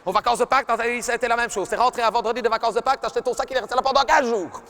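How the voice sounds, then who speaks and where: A man's voice: very high voice, fairly even intonation, rapid-fire, pushed and bright, heavily acted. A man voicing a nagging middle-aged mother who scolds her daughter in a live stand-up sketch, fussing and repeating herself. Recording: reverberant live arena recording.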